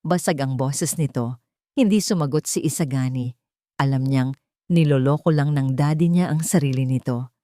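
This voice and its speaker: A woman with a Filipino accent narrates a dramatic, scripted love story in a very deep, warm voice at normal speed. The sound is clean studio audio with no room sound.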